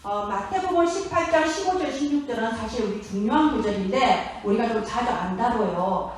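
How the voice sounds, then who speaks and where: A woman pastor delivers a sermon in a high, bright-pitched voice. She tells stories with lively emphasis and keeps putting questions to the congregation. The sound comes from a distance and rings through a very echoey church sanctuary. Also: fairly quick. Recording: echoey church hall, from far off.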